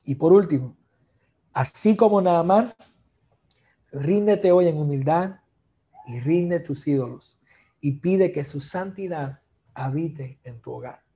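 A man preaching a sermon in earnest, lowering his voice to speak prayers and now and then dropping in English phrases. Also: slow, long pauses, warm tone. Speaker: pastor. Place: church service.

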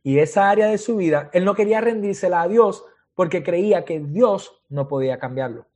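A man's voice: sits high, moderate pace, darkish tone. A man preaching a sermon as pastor, switching between Spanish and English and acting out dialogue between God and Moses.

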